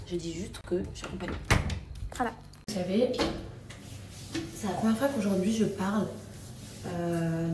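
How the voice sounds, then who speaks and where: A young woman vlogging in a chatty, confiding way, sometimes dropping to soft near-whispered asides. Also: medium pitch, background noise. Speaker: lifestyle vlogger. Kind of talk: casual confiding vlog chat. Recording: echoey with loud background ambience.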